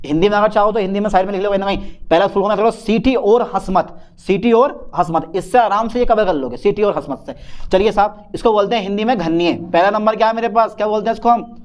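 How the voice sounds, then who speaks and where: Playful high-voiced male chemistry teacher. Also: fast talker. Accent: Hindi. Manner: chatty, playful, addresses students as beta and sahab. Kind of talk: chalkboard lecture.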